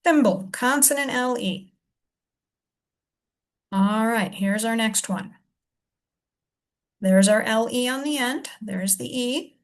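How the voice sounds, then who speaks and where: A woman teaching a reading lesson, patiently sounding out syllables slowly and explaining each step. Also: on the high side. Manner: slow, deliberate sounding-out of syllables.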